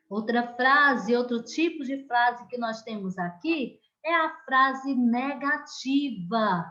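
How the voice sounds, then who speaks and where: A woman's voice: a little high, pushed and bright, lo-fi sound. A woman teacher with a Brazilian Portuguese accent, giving an online lesson to young pupils in a careful, emphatic way. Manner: slow, careful, emphatic classroom delivery.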